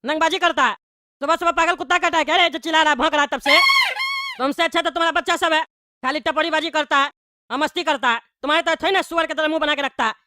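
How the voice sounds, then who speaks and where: A woman's voice: sits high, pushed and bright, a little hiss or hum. A woman voicing a rude, hot-headed bald widower who rants with insults and threats. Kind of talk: cartoon voice acting.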